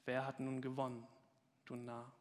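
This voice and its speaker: A man's voice: medium pitch, monotone, normal speed, lightly acted. Man doing a cruel witch, scornful, barking orders, echoing hall. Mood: trembling quiet. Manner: shouted commands, scornful.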